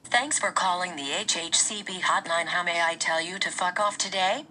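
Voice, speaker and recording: A woman playing a rude, sarcastic hotline receptionist in a comedy sketch, delivering insults deadpan. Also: lowish voice, normal speed, loud music behind the voice, close to an everyday voice. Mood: sarcastic contempt.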